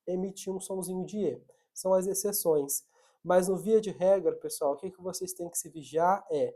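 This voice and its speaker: Slow, mellow-voiced woman English teacher. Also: lowish voice. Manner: patient, repeats the examples aloud. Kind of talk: explaining an English lesson.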